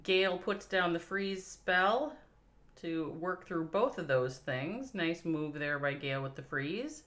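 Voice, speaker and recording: With a Minnesota accent and a slightly bright, lowish voice, a female esports caster gives animated, unhurried commentary on a mobile strategy match. She's chatty and playful, reacting to chat and laughing along.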